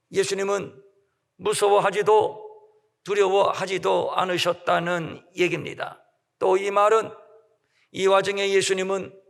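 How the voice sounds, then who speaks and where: Male pastor, high-pitched, gravelly voice, measured emphatic sermon, long hall reverb. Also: fairly bright tone. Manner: measured, emphatic preaching with dramatic pauses. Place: large church sanctuary.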